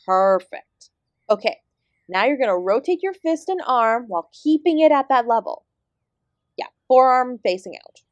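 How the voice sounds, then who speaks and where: Playing an immortal celestial dancer and guru in an audio roleplay, a woman speaks to the listener with weary, snarky, exasperated bite, sardonic and fiercely independent. Her high, natural voice moves at a moderate pace with lively intonation. It's recorded close and dry with no room sound, and the highs are cut off.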